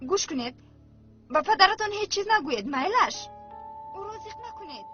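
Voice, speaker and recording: A woman's voice: very high-pitched, big pitch swings, pushed and bright, exaggerated voice. An actress dubbing a stern, bossy woman who orders children about and pushes a plan. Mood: coaxing. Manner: bossy, commanding. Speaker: stern stepmother figure. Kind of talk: dubbed TV drama. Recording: lo-fi with music underneath.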